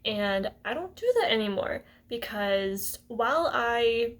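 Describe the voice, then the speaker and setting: A woman's voice: fairly high pitch, expressive, takes it slowly. A woman in her twenties talking casually to her viewers, hesitant and rambling, often breaking into small laughs. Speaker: vlogger. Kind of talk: casual talk to camera.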